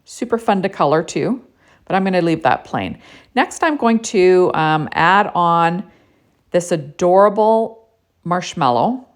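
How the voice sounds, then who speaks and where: A woman's voice: lowish voice, animated, a little slow. A woman narrating a casual card-making tutorial in a chatty way, with lots of "you know" and "right?".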